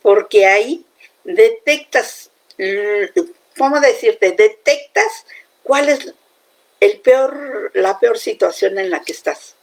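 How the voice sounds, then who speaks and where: A woman's voice: on the high side, slow pace. A woman giving an informal devotional talk, speaking conversationally and often checking in with the listener.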